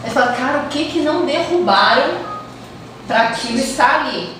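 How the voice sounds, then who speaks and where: A Brazilian woman from a theater project talking casually and lively about her research. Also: sits high, normal speed, a little hiss or hum. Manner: talkative, animated, acts out quoted voices. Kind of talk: casual conversation. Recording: echoey room, distant mic.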